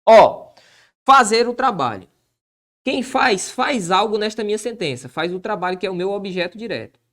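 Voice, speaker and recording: Lively male teacher answering his own questions. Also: sits high. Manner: lively, stretches words slowly for emphasis. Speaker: Portuguese teacher. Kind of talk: online exam-prep lesson.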